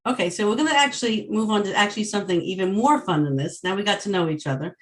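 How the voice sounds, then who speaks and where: A woman from Long Island, New York, hosts an online meetup over a video call in a mid-range, expressive voice at a quick pace. In a playful way, she guides the group through an icebreaker game step by step, casually facilitating.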